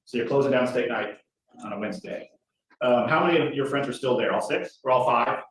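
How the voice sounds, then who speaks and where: A man acting as defense attorney questions a witness with an easygoing, folksy manner, speaking a little fast at a medium pitch. The courtroom recording was made indoors in a large, echoey room, far from the microphone, with slight background noise.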